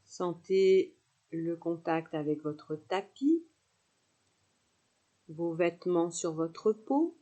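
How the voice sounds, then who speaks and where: A woman leads a yoga nidra relaxation meditation, giving soothing, unhurried instructions with pauses between phrases. Her voice sits on the low side and sounds mellow, with lively intonation. The recording has its highs cut off.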